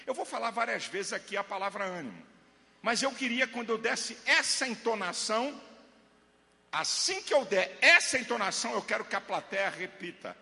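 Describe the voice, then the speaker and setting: A man preaching a Pentecostal sermon to a congregation, swinging between shouted lines and low murmurs. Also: animated, moderate pace, creaky, in a large hall. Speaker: pastor. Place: church with live congregation.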